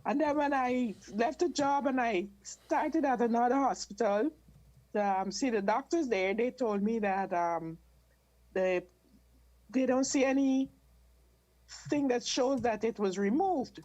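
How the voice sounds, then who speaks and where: Slightly high woman, hesitant. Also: unhurried, darkish tone, muffled recording. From Guyana. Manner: hesitant, restarts and repeats words. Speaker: caller seeking advice. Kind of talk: casual conversation. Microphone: video call.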